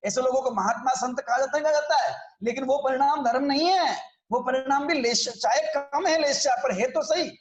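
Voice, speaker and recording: A man's voice: extremely high pitch, moderate pace, echoey room, faint music behind. A man teaching a religious scripture class, explaining in a conversational way and often checking that his listeners follow.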